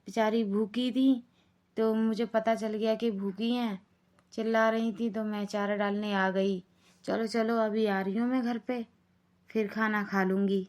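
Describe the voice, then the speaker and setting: A woman voicing Lajo, a selfless young daughter-in-law in a cartoon, gentle, patient and reassuring. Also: medium pitch, little pitch movement, unhurried, lightly acted. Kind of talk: Hindi cartoon voice acting.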